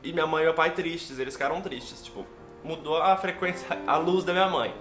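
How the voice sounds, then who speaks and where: Background music plays in an echoey room as a young vlogger with a Brazilian Portuguese accent tells his viewers a personal story, speaking with heartfelt emotion. He talks briskly, his voice on the high side.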